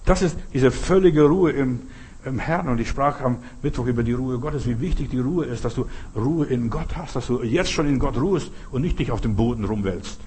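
A man delivers a sermon in a husky, slightly breathy voice at an average male pitch. He keeps hammering his points with repeated questions, leaning hard on each phrase. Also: normal speed, darkish tone. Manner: repetitive, rhetorical questioning. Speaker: pastor.

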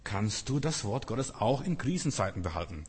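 Husky male preacher in an echoing hall. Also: on the low side, very animated, moderate pace, darkish tone. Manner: earnest, direct, with rhetorical questions. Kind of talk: sermon. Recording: long reverb of a large hall.

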